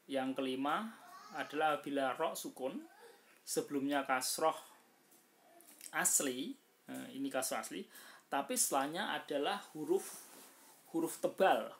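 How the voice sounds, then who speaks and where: A woman teaching Quran recitation rules, explaining slowly with many fillers and drawn-out recited examples. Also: very deep voice. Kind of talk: informal tajwid lesson. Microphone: phone screen recording.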